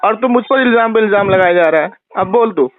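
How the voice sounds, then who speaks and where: A man with a high voice argues hard over a tinny phone line. He speaks as a religious debater, taunting and accusing his rival. The sound is dry and close, with no room around it. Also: dry recording. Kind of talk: heated phone argument.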